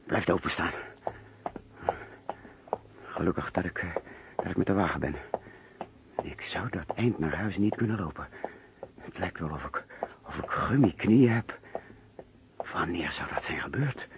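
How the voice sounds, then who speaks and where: In a muffled, noisy old radio play recording, an actor with a Netherlands Dutch accent and a low voice plays an anxious, middle-class businessman. Queasy and nervous, the hesitant character narrates in first person and mutters to himself while recounting finding a murdered man.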